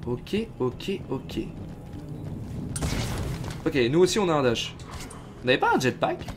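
A man streaming a game live, chatting casually and reacting loudly as he plays. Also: a little high, wildly swooping pitch, a little slow, music in the background. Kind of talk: live gameplay commentary.

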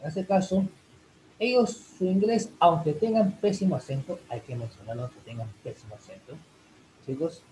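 A man teaching an online English class in Spanish, answering a student's question in a rambling way with many fillers, addressing the students warmly as "chicos". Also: on the high side, normal speed, slight background noise, low-quality recording. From Peru. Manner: rambling, full of fillers like "en este caso" and "chicos".

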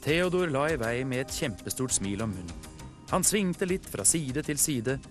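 A man from Norway narrating a children's TV story in an animated storytelling way. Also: medium pitch. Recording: music playing behind.

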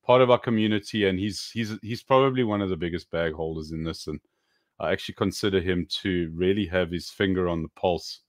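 A man's voice: low voice, brisk, no echo, studio quality. Emphatic man on a video call. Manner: animated, emphatic, swears casually. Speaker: co-host. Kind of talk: casual crypto chat. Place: home room. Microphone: webcam video call.

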